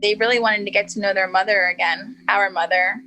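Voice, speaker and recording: A woman's voice: medium pitch, steady tone, fairly quick, bright, forceful tone, slight background noise, poor audio. A woman interviewee recalling her sister in a chatty, casual way. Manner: chatty, with frequent "like" fillers.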